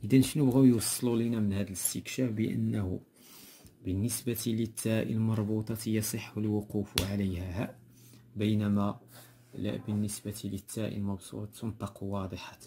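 A man's voice: fairly low pitch, flat delivery, a little fast, warm tone. A man with a Moroccan accent teaching a textbook grammar lesson, going step by step and repeating key words.

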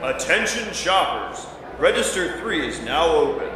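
A man doing a supermarket loudspeaker announcer. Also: on the high side, sing-song, unhurried. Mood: announcing. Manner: formal, announcing. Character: male store announcer calling over the PA. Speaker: store announcer. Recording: echoey store loudspeaker from far off, noisy.

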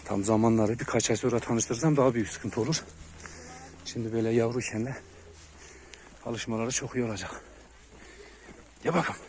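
A man's voice: mid-range voice, moderate pace, long pauses. A man filming his young dogs outdoors, talking to his viewers and calling and scolding the puppies. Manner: talks to viewers, then calls and scolds dogs loudly. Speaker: kangal dog owner filming his puppies. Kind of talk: casual outdoor vlog narration. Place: outdoors in a rural yard. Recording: faint outdoor noise.

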